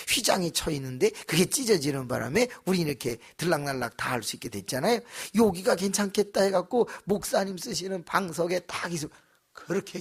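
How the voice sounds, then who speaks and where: Male pastor, lively storytelling sermon, husky voice, pitch a bit high. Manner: animated storytelling with acted voices. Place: church.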